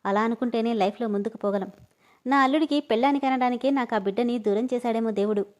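A talkative sister-in-law comforts and gently scolds in a caring voice, as a woman reads her. She runs on at length in an audio storybook. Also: a little high, fast talker, lightly acted. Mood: consoling.

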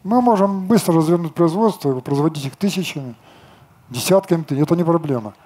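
An older man talking on an outdoor festival stage in a somewhat high but dark, mellow voice. He lectures with confidence and answers objections with rhetorical questions of his own. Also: expressive, a little fast, breathy edge. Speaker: company chief designer answering questions.

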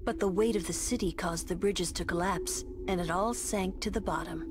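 An actress playing a stern, composed young woman mage who speaks in a calm, measured way. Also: fairly low pitch, music in the background, lightly acted.

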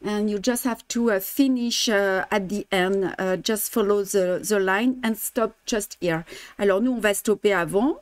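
In a dry recording, a woman with a mid-range voice speaks at a measured pace. She's a French-accented woman from France in her fifties, giving a chatty live embroidery lesson from an indoor studio with a blue backdrop, often laughing and slipping into English and Spanish.

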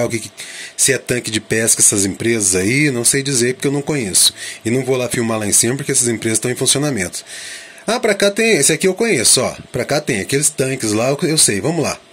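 Quick and animated, a man with a medium-pitched, slightly rough, somewhat bright voice narrates his drone vlog casually, thinking out loud and tossing questions at himself.

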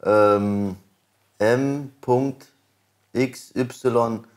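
A young man hosting in casual slang, haltingly searching for words as he goes. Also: mid-range voice, steady tone, a little mellow. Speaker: host reading out comments.

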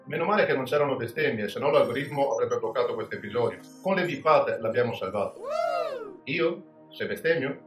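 A man's voice: medium pitch, animated, a little fast. A man from Veneto, a podcast host delivering a scripted, ironic and self-mocking monologue. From Veneto, Italy. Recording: roomy sound with background music.

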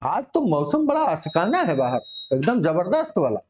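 Man, high voice, encouraging vocabulary teacher, dull lo-fi recording. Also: wildly swooping pitch, moderate pace, a little mellow. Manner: encouraging, calls students beta, repeats words for drilling. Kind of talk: online coaching class. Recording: dull lo-fi sound.

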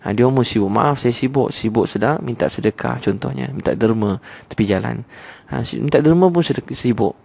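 A man's voice: mid-range voice, fairly quick, creaky, dark tone. A man with a Malaysian Malay accent preaching a sermon in an earnest, storytelling way. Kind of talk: religious sermon.

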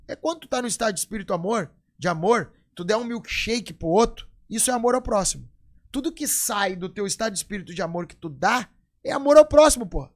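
A man in his forties with a Gaúcho accent from southern Brazil, a jiu-jitsu coach talking emphatically and a bit preachily as a podcast guest. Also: high-pitched. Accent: Gaúcho, Rio Grande do Sul. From Porto Alegre, southern Brazil. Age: 40s. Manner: emphatic, preachy, acts out quoted voices. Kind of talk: casual podcast chat.

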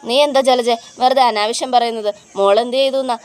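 A woman's voice: on the high side, steady tone, a little fast, smooth, natural voice. A woman doing a stern old grandmother. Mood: scolding. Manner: scolding, firm.

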